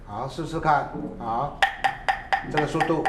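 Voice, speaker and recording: A man's voice: on the high side, a little slow, reverberant, loud music behind the voice. A man teaching a drum class who calls out counts and short cues between demonstrations.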